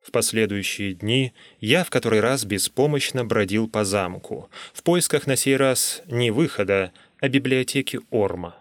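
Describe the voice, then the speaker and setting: A man narrating an audiobook in a scripted, expressive way. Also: normal speed, few pauses, dry recording, studio quality. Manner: expressive, shifting between calm telling and shrill pleading.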